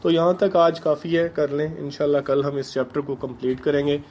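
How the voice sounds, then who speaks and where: Male lecturer, fairly high voice, reads phrases slowly then lists synonyms. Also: little pitch movement, darkish tone, dull audio. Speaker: teacher. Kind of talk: lecture explaining an English text.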